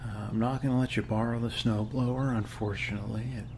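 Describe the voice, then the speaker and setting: In an ASMR role-play, a man with an American accent plays a friendly, rambling middle-aged suburban neighbor. His mid-range voice moves quickly, soft, hesitant and folksy, with a light touch of acting. A faint, steady noise sits in the background.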